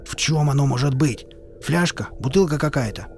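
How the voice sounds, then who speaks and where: A man voicing a rash young male stalker who shouts urgently. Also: medium pitch, lively intonation, moderate pace, vocal fry, soft background music. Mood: agitated.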